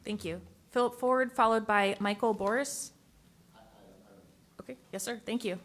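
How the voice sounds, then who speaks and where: Woman chair, fairly high voice, brisk name calls. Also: fairly even intonation. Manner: brisk, announcing names. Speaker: meeting chair calling speakers. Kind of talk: calling names at a meeting.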